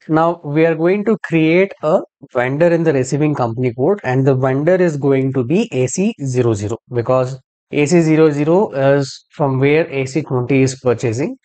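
A medium-pitched man works as a trainer in a screen-share software tutorial, explaining each step and spelling out codes.

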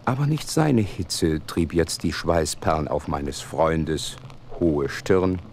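An actor playing a genial, modest doctor and narrator in a German radio play, courteous and reflective. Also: male voice, a bass voice, animated, slow, darkish tone, slight background noise, exaggerated voice.

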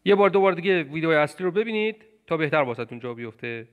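A man teaching English vocabulary, patiently repeating words and phrases slowly. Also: a little high, animated, phone-quality sound. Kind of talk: language lesson explaining film clips.

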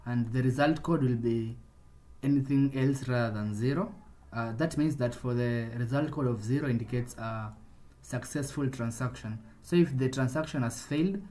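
A man with a mellow, dark-toned voice walks through a coding tutorial in a casual, explanatory way, often stopping to restart a phrase. He sounds like he is talking into a desk microphone while sharing his screen. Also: medium pitch. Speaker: programming tutor.

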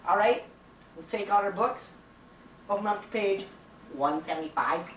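A man's voice: sits high, moderate pace, a bit bright, recorded from a distance. Young man's teacher impression of a goofy woman, roomy. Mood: chirpy, goofy. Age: young adult. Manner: teacher impression, repetitive and indulgent. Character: goofy, chirpy female high school teacher. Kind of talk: amateur comedy skit. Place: home kitchen. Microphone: camcorder a few feet away. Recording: noisy, roomy home camcorder audio.

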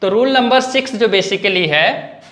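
A man's voice: high voice, expressive, measured pace, a bit bright, echoey room. A male English grammar teacher giving an online lesson in speech, who keeps asking questions and answering them himself. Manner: asks questions and answers them himself, repeats key points.

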